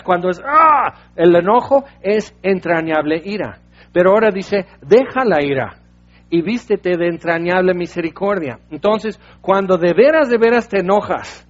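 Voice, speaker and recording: A man preaching a sermon in a high voice. He drops to hushed stretches, then bursts into loud exclamations. The recording is dull and lo-fi.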